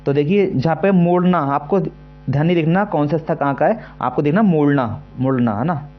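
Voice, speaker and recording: A man teaching an exam-prep lesson, repeating himself often and slowly sounding out syllables to demonstrate them. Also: a little high, highs cut off, soft background music. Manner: repetitive, keeps asking "है ना" and "ठीक है".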